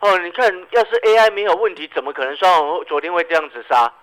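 A man with a Taiwanese Mandarin accent giving radio stock market commentary, animated and full of rhetorical questions to the listener. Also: high voice, quick pace, clear, resonant tone, rough recording.

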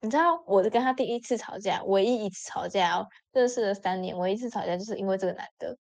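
A woman telling a story in a casual chat with lots of expression, jumping up in pitch when she voices her friends. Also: fast talker, vocal fry. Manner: animated, acts out friends' lines with sudden pitch jumps. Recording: dull lo-fi audio.

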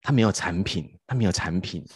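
A man's voice: sits low, brisk, slightly rough, no room sound, studio quality, voice pushed down. A man quoting a confident older Thai masseuse. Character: Thai woman masseuse, late fifties, confident crypto investor.

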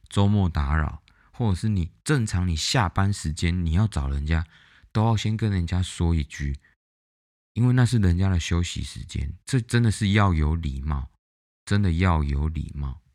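A man with a Taiwanese Mandarin accent, hosting a casual monologue podcast and telling blunt, animated stories. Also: sits low. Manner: blunt, animated storytelling that acts out the callers. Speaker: podcast host.

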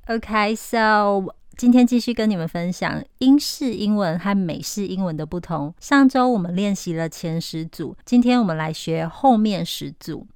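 A young woman hosting a podcast English vocabulary lesson, drilling words slowly and carefully. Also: mid-range voice, vocal fry, a little mellow, clear, resonant tone, no room sound, studio quality. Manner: slow, careful word drills. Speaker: English teacher, podcast host.

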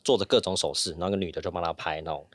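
Male podcast guest; self-mocking storyteller, rapid delivery, dry close mic. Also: low voice, steady tone, dry recording. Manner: chatty, self-mocking anecdotes. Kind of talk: casual podcast chat.

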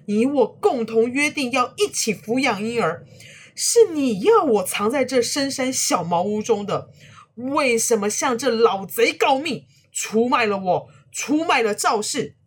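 A woman's voice: low-pitched, expressive, measured pace, husky, heavily acted. A woman voicing an elderly, loyal male retainer in a storybook tale, crying out in raised, anguished pleas. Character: old loyal male retainer, desperate and defiant.

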